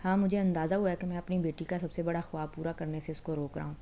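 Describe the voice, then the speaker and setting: A calm, fatherly dad, gently stern and indulgent toward his daughter, as a woman reads his lines. He speaks in a low, mellow voice, as in a told storybook. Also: slight background noise, lightly acted.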